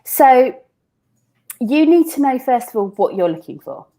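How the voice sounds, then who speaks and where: A recruitment founder, interviewed as a podcast guest, chats casually and explains with everyday examples, often restarting her sentences. Her voice is high-pitched, sing-song, dark in tone and unhurried.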